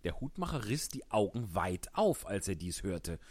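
A man narrating a storybook reading in an expressive, unhurried way. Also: low-pitched, no room sound.

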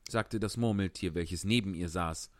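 A man narrating a storybook reading in a lively, expressive way. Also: low-pitched, normal speed, no room sound.

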